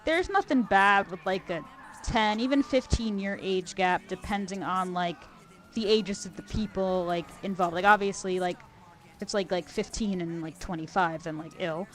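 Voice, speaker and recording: A woman streaming a video game, chatting casually in a rambling way, full of fillers and animated asides. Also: mid-range voice, moderate pace. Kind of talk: casual gameplay chat.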